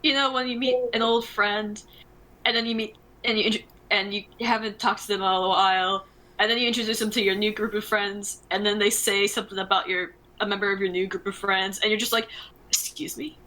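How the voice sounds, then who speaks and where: Halting woman player searching for words. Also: mid-range voice, fairly even intonation, pushed and bright, poor audio. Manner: hesitant, halting, many fillers. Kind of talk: casual tabletop play.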